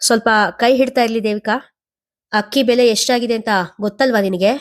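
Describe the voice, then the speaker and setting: A woman voicing a bossy, stingy sister-in-law who gives brisk orders. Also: fairly high pitch, steady tone, a little mellow, natural voice.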